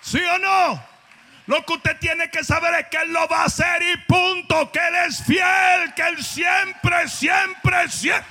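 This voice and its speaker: A male pastor, preaching an emphatic sermon, often shouting and throwing in jokey asides. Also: extremely high pitch, steady tone, slow pace, in a large hall, faint music behind, a faint crowd.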